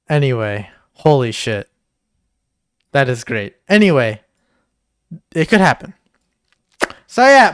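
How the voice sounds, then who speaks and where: A man co-hosting a livestream in casual chat, excitable and jokey, swearing now and then. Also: mid-range voice, clear, resonant tone, no room sound, studio quality. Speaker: stream co-host.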